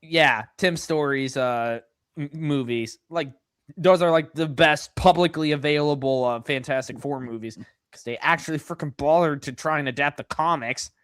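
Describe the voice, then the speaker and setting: A man's voice: on the high side, normal speed, a bit bright, clear, resonant tone, no echo, studio quality. A man hosting a casual podcast chat, rambling and chatty with plenty of fillers. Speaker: podcast host.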